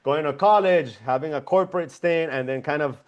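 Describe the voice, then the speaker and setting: A man's voice: on the high side, a little fast, muffled recording. Reflective young man from Venezuela. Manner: reflective, rambling with many fillers. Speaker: guest founder. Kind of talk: casual interview.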